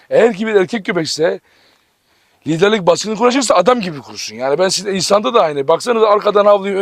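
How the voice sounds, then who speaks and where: A man vlogging from his dog farm, talking fast with a fairly high voice. He switches between barking short commands at the dogs and venting animatedly to his viewers. The sound is dry and close, with no room echo. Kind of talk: casual vlog narration.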